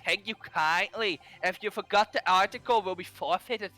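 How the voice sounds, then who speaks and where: A man doing a gruff coachman with a hammy brogue. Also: sits high, moderate pace, sharp tone, soft background music. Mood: scheming. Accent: put-on Irish. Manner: hammy, slipping in and out of the accent. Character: gruff middle-aged male coachman with brogue.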